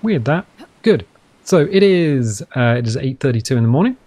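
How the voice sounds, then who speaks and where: A man with a smooth English accent giving chatty, playful let's play commentary as a gaming channel host, with self-mocking asides. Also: mid-range voice, big pitch swings, moderate pace, warm tone.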